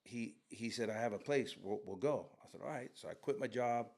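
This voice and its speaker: A man's voice: mid-range voice, brisk. A middle-aged man from Southern California, a guest telling stories casually in an interview and acting out quotes. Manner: relaxed storyteller, acts out quotes. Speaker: brand co-founder guest.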